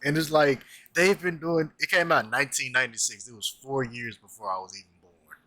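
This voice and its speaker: Animated young man, bright and dry. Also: mid-range voice, fairly quick, dry recording. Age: 20s. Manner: animated, rambling with many "like" fillers. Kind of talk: casual chat.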